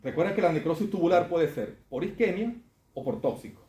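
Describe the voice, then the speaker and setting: A man's voice: fairly high pitch, animated, a little fast, dark tone. A man lecturing medical students on clinical cases, conversational and often asking the class questions. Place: lecture hall. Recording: echoey classroom, faint room noise.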